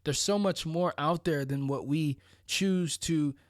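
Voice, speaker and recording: With a fairly high voice and a measured pace, an American vlogger from Florida talks through a casual motivational monologue. He's conversational and emphatic, often using rhetorical questions and asides to check in. The recording is dry and of studio quality.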